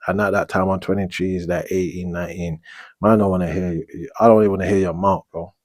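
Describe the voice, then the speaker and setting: A young man in his twenties with a London street accent, telling a long prison story in relaxed slang, often checking in with "you get me?". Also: low voice, fast talker, dry recording. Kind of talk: storytelling monologue.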